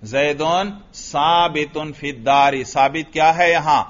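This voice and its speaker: A man's voice: on the high side, steady tone. A male religious teacher giving a classroom lecture, asking his students questions, repeating the answers and chanting quoted texts. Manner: chants Arabic text in a melodic recitation. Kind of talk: classroom lecture on Arabic grammar and logic. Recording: muffled lo-fi lecture recording.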